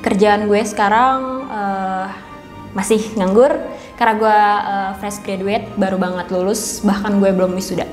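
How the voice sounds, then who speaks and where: A woman of twenty-four answers interview questions in a slangy, pleading, drawn-out way. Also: mid-range voice, fairly even intonation, faint music behind. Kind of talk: casual vlog interview answers. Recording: echoey room.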